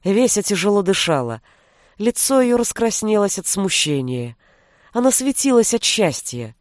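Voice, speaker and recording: A woman narrating a fantasy audiobook in an even storytelling voice. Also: mid-range voice, normal speed, no room sound, clean studio sound.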